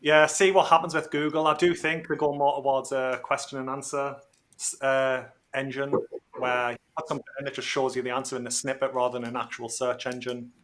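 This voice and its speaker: A man's voice: mid-range voice, level tone, a little fast, a bit bright. A man chatting casually as a guest on a livestream call, informal and slangy, talking like he is among mates. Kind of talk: casual chat. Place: remote video or voice call.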